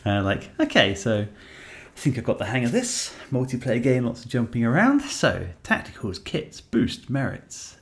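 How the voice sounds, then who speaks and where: A man co-hosting a casual gaming podcast, relaxed and hedging as he steers the talk. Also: mid-range voice, gravelly. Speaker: podcast co-host.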